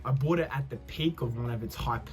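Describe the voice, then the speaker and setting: A man's voice: mid-range voice, fairly quick, soft background music. A young adult man, talking through his investments in a loose, chatty vlog, often correcting himself mid-sentence. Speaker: investing vlogger. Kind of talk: casual vlog monologue.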